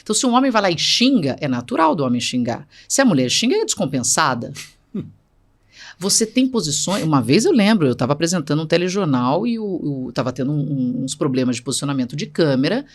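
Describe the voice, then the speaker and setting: A woman's voice: sits low, very animated, fast. A middle-aged woman speaking as a guest in an interview, emphatic and assertive, repeating points for stress. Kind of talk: conversational interview.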